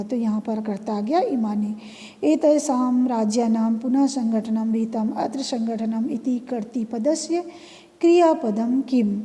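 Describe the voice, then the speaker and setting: A woman's voice: a little high, mellow. Patient woman teacher in an echoing room. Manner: patient, explains step by step, repeats key words. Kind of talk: classroom lesson explaining exercise answers. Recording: long reverb, room echo.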